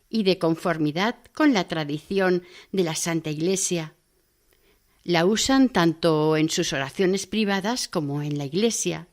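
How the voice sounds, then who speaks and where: A woman voicing a learned man who patiently teaches about prayer, in a calm, reverent, instructive tone. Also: on the low side, close to an everyday voice.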